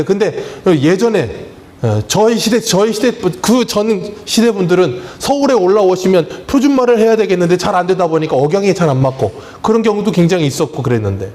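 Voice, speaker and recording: A middle-aged male pastor preaching with a fairly high voice. He keeps turning to the congregation with questions, rising and falling as he drives each point home. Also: a little mellow. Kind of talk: sermon.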